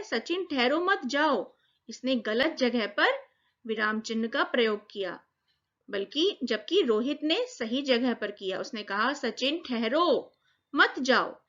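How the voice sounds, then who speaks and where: A woman teaches young children grammar, explaining each point clearly and step by step. Her voice sits fairly high, and the recording is muffled and lo-fi. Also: a bit bright. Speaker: primary school teacher. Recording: dull lo-fi recording.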